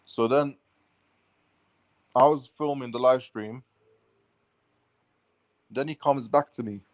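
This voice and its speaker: This lo-fi clip has a man with a mid-range voice speaking at a slow pace as he recounts a run-in to his vlog viewers. He rambles casually, swears freely, and piles up restless run-on sentences, with no room sound.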